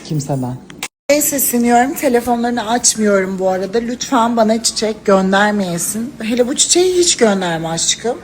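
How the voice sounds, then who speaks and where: A woman's voice: a little high, big pitch swings, moderate pace, a little hiss or hum. A woman talking to her followers in casual phone story clips, dramatic and gushing, calling them princesses and girls. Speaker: social media personality.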